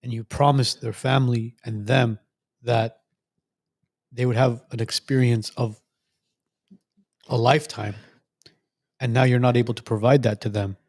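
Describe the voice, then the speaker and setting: A man's voice: mid-range voice, flat delivery, a little slow, pauses often, darkish tone, dry recording, studio quality. A man hosting a podcast, speaking in an earnest, reassuring way to his guest. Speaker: podcast host. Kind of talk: supportive conversation.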